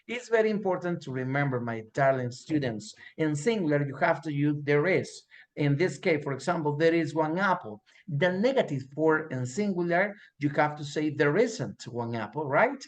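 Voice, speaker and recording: A man teaching an English class in Spanish and English, repeating example sentences slowly for his students. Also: a little high, expressive.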